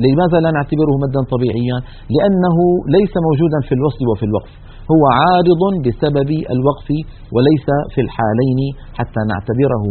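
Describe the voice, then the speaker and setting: A man teaching the rules of Quran recitation in a recorded lesson, explaining slowly and drawing out example words. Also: medium pitch, slightly rough. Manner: slow explanatory delivery, stretches example words. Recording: tinny narrow-band recording.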